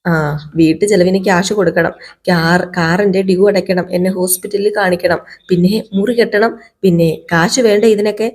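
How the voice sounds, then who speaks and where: A woman's voice: on the low side, steady tone, a little fast, a little mellow, close to an everyday voice. A woman voicing a proud, stubborn young husband who grumbles and dismisses his wife. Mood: grumbling. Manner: complaining, dismissive.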